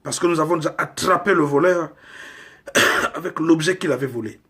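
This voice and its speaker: A man from Congo delivering a slow, emphatic sermon full of rhetorical questions. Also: on the high side, sharp tone, husky. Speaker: preacher.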